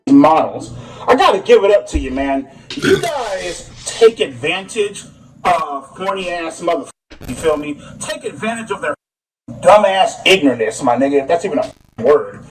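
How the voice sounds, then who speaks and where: A man's voice: fairly high pitch, sing-song, moderate pace, slight background noise, poor audio. A man ranting profanely to camera in a vlog clip, heated and blunt. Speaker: vlogger in a clip. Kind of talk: rant to camera.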